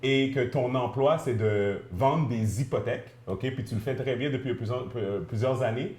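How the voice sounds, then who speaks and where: A man's voice: medium pitch, moderate pace, darkish tone. A man in a casual panel discussion, talking in a thoughtful, rambling way with many fillers. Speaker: panel guest. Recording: echoey room.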